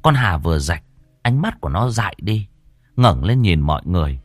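A male storyteller, his voice low-pitched and husky, swinging widely in tone as he narrates a horror tale. The recording is dry and close, with faint music underneath. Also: moderate pace, dry recording. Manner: expressive, theatrical delivery.

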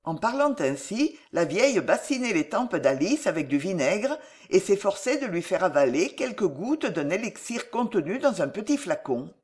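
A woman narrating a historical novel in an expressive, dramatic reading. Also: mid-range voice, normal speed, few pauses, breathy edge. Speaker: audiobook reader. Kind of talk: scripted narration.

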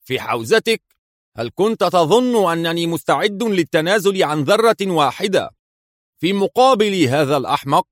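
A man voicing a furious, shouting European villain in an audiobook reading, high-strung and yelling. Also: expressive, moderate pace, dry recording, clean studio sound. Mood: scornful.

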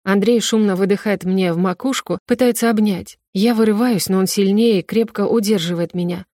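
A woman's voice: mid-range voice, a little fast, warm tone, no echo, clean studio sound. A young woman reading a novel aloud in the first person, her telling emotional and tearful. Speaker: audiobook narrator. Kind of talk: first-person scripted narration.

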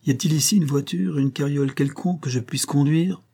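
A man reading an audiobook, voicing a contemptuous, hot-tempered young male horse trainer who shouts insults at his servant. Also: fairly high pitch, a little fast, vocal fry, voice pushed up. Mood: scornful. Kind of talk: audiobook character voice.

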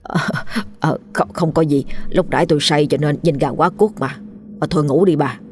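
A woman narrator plays a middle-aged father, jumpy and guilty, who stammers and fumbles over his words. The stays steady, and the voice sits a little lower than the reader's own. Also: moderate pace, a little hiss or hum, natural voice. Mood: flustered. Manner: stammering, flustered.

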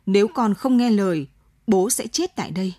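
A woman puts on an elderly father in a storybook reading, desperate and begging, his voice pitched up and raised above her calm telling. The tone is dark and husky, and the recording is dry and close. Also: unhurried, no room sound. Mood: stern. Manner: begging, then hard and resolute.

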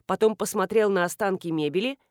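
A woman narrating an audiobook with lively, even storytelling. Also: mid-range voice, fairly quick, dry recording, clean studio sound. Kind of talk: scripted narration.

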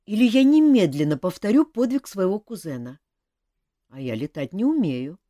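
A woman voicing a playful young king in a storybook, easygoing and teasing, voice leaping up and down in pitch, dry close recording without room sound. The reading stays lively and expressive throughout. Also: moderate pace, no room sound, lightly acted. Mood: flustered. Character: young man, a good-humoured teasing king.

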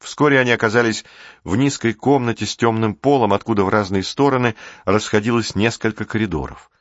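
A man narrating an audiobook calmly and evenly, in a dry, dull recording. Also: lowish voice, brisk, dry recording. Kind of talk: scripted narration.

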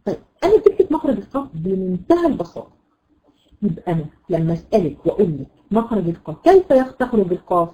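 A woman with an Egyptian accent teaching a Quran recitation lesson, explaining patiently, repeating words and checking understanding with quick questions. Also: medium pitch, sing-song, lo-fi sound. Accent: Egyptian Arabic. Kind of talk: classroom lesson.

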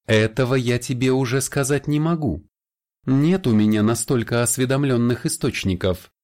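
A man's voice: medium pitch, a little slow, darkish tone, voice pushed up, natural voice. A man voicing a sly, smirking male vampire elder who speaks in a raised, confiding voice in an audiobook. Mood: smug confiding.

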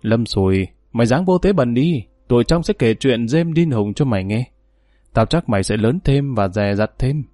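A man's voice: medium pitch, animated, fairly quick, a little mellow, no echo, studio quality, faint music behind, natural voice. A man reading an audiobook, voicing a tough, menacing male gang leader who talks in harsh threats. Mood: calm, lecturing.

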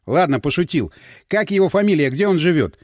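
A man's voice: fairly high pitch, expressive, a little fast, darkish tone, dry recording, studio quality. A male narrator voicing a tough, demanding police detective in an audiobook. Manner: demanding, clipped. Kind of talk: audiobook character voice.

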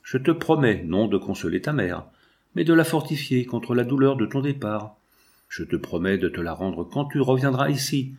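A tender old father blesses his departing child, solemn and grieving, as a man reads him in his own voice. The audiobook reading keeps a measured, earnest tone. His words lean on benediction and pleading. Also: mid-range voice, animated, darkish tone, lightly acted.

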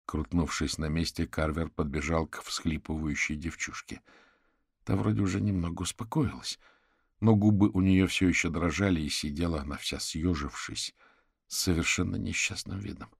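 A man narrating an audiobook in a steady, measured reading. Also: deep voice, vocal fry, breathy edge, no room sound, clean studio sound. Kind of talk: scripted narration.

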